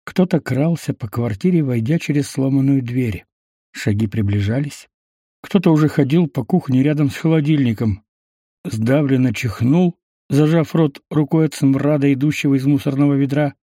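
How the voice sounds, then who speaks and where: A man's voice: mid-range voice, no echo. Man narrating an audiobook, dry close sound. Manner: steady, measured storytelling.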